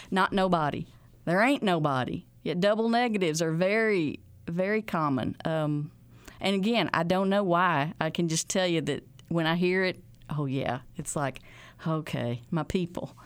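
A woman's voice: fairly low pitch, smooth, no room sound. Folksy woman with an Ozark hill twang. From Ozarks, Arkansas. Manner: folksy, uses homespun rural expressions. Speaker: museum outreach coordinator and dialect expert. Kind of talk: informal interview talk about folk dialect.

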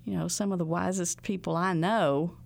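A woman's voice: on the low side, steady tone, normal speed, creaky, darkish tone. A woman from the Arkansas Ozarks with an Ozark hill twang, talking informally in an interview in a folksy way with homespun rural expressions. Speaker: museum outreach coordinator and dialect expert. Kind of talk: informal interview talk about folk dialect.

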